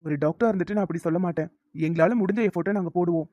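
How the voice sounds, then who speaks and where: A woman voicing a calm male doctor. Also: fairly low pitch, no room sound, natural voice. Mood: reassuring. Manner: gentle, measured, professional. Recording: dull lo-fi sound.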